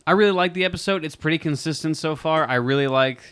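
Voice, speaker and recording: A man's voice: fairly high pitch, fast, a bit bright, clean tone, no room sound. A man co-hosting a casual podcast chat, giving strong, emphatic opinions. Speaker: podcast co-host.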